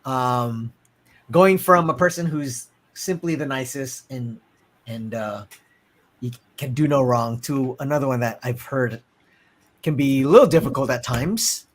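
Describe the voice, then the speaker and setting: A man's voice: mid-range voice, a little slow. A man hosting a casual podcast, reading out news items in a loose, chatty way with plenty of fillers. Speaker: podcast host.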